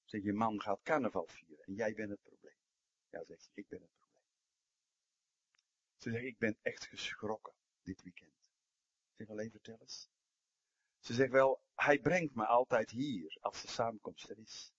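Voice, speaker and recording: Male preacher, husky voice, dry dull lo-fi sound, sermon storytelling, hushed to emphatic. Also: lowish voice, normal speed, pauses often, no echo.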